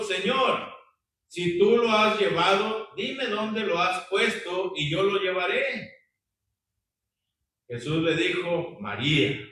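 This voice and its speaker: A man's voice: high voice, sharp tone. A man teaching a Bible study, reading scripture aloud and asking his listeners questions, with frequent tag questions. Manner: conversational, asks the group questions, frequent tag questions. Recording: echoey room, voice from a distance.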